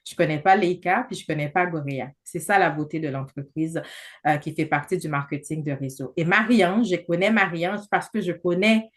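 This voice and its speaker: A woman in her thirties talks a group through a business presentation on a video call. Her voice sits a little low for a woman. She is chatty and persuasive and fills her sentences with hesitations. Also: steady tone, moderate pace. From not from Canada. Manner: chatty, many fillers, persuasive.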